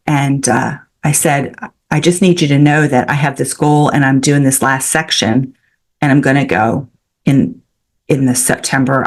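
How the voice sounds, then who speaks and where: A woman in her sixties, a podcast guest, telling a personal story in an animated, chatty way with frequent restarts. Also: rumbling low, vocal fry. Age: 60s. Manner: animated, with many restarts and fillers. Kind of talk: storytelling in a casual interview.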